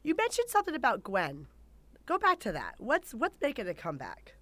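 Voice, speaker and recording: Animated enthusiastic podcast host woman. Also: a little high, fairly quick. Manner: enthusiastic, animated, lots of fillers. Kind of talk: podcast interview.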